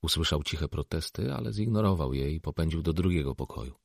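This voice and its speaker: Reading from a novel, a male audiobook narrator keeps a steady, measured delivery of his scripted text. The voice is deep and husky, and the close, dry recording has no room sound at all.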